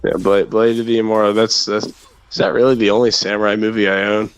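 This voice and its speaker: A man's voice: fairly low pitch, level tone, brisk, clean tone. A man co-hosting a casual gaming chat, rambling and thinking aloud as he talks. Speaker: co-host.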